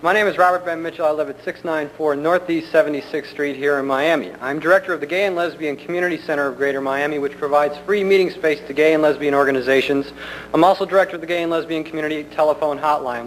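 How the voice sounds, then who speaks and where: Higher-pitched man giving an earnest formal speech. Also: fairly even intonation. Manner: earnest, deliberate, polite. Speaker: community center director addressing a county commission. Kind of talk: formal prepared public speech. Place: public government meeting room. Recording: noisy hum, 1990 public meeting recording.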